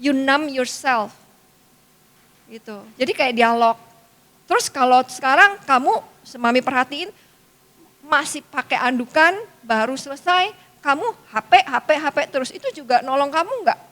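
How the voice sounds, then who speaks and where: A woman's voice: high-pitched, moderate pace, long pauses, bright, forceful tone. A middle-aged woman giving a chatty, anecdotal talk to parents at a school meeting. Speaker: speaker at a parent-teacher meeting. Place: school hall. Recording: reverberant hall.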